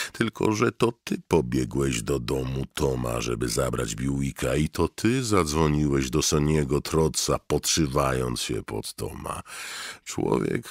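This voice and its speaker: A man voicing the slow, hushed, accusing inner voice of a haunted man in an audiobook. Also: extremely low pitch, creaky, breathy edge, dry recording, clean studio sound, heavily acted. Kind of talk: audiobook narration.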